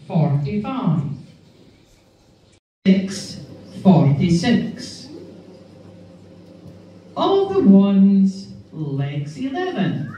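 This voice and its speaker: Older female bingo caller: very slow, sing-song number calls, heard distantly in a heavily echoing hall. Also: mid-range voice, warm tone. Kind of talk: bingo calling, numbers announced digit by digit. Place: large indoor function hall full of bingo players. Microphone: PA system picked up by a distant camera. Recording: echoey hall PA from far off, room noise.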